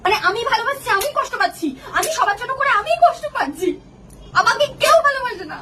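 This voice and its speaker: A woman's voice: very high voice, lively intonation, fast talker, far from the mic. A woman playing a sulking, touchy young wife who complains and pities herself in a comic sketch. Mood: indignant. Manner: huffy, complaining, melodramatic. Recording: echoey room, off mic, background noise.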